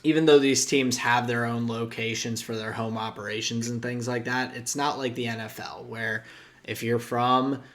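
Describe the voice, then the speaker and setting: In casual podcast chat, a young male co-host talks at a moderate pace in a fairly bright, mid-range voice with fairly even intonation. He wanders through his points, frequently restarting and making guesstimates.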